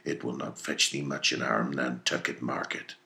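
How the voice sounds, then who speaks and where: A man's voice: very deep voice, flat delivery, normal speed, gravelly, bright, forceful tone, exaggerated voice. A man voicing a sober, principled first mate in a storybook reading, earnest and protesting in dismay. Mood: restrained objection. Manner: earnest, remonstrating. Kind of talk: dramatic audiobook character reading.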